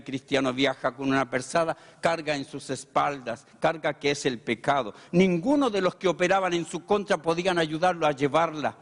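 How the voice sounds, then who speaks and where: A man preaching a sermon as a pastor, with an emphatic delivery that rises sharply on key words. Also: fairly high pitch. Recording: long hall reverb.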